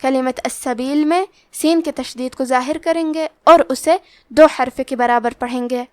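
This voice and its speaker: A woman's voice: high voice, clear, resonant tone, no echo, clean studio sound. A woman teacher explaining Quran recitation rules word by word, in a methodical and patient way. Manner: methodical, patient step-by-step instruction.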